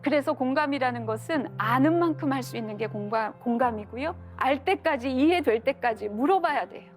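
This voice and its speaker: A woman's voice: high-pitched, animated, brisk. Earnest middle-aged woman lecturer, faint music. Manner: earnest storytelling with acted-out quotes. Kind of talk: lecture to a studio audience.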